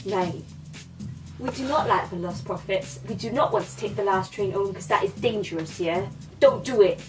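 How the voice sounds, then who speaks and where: With soft music behind her, a young female comedy vlogger speaks at a moderate pace in a mid-range voice. She puts on a slangy tough-kid swagger with sing-song chants for a comic monologue, filmed from a few metres away in a small bedroom on a distant mic.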